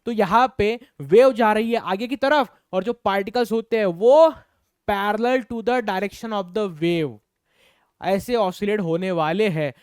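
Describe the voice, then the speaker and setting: A man's voice: sits high, takes it slowly, clean tone, no room sound, clean studio sound. A man teaching a physics class online, asking and answering his own questions and repeating key points. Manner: counts out rhythms aloud.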